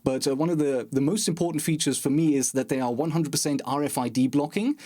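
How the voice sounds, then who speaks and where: A man's voice: a little high, fast talker, mellow. A man hosting a casual gaming podcast, chatty and self-deprecating, with sarcastic asides. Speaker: podcast host.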